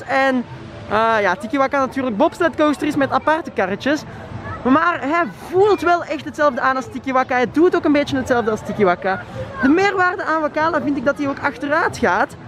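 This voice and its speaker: A man vlogging in a casual, chatty way while walking outdoors in a theme park, talking to his viewers and rating what he sees. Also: very high voice. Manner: chatty, rates rides, addresses viewers directly. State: out of breath while climbing. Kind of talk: casual vlog talk to camera. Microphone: handheld camera, at times a phone at arm's length. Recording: outdoor crowd noise, loud background. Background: crowd and ride noise.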